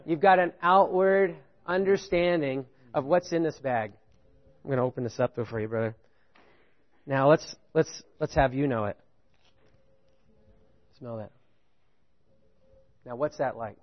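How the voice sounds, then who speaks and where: A man preaching a sermon, animated, often stopping to ask the congregation "right?". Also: a little slow, long pauses, highs cut off. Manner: animated, rising pitch on key points, chuckles, asks "right?". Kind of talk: sermon with audience participation.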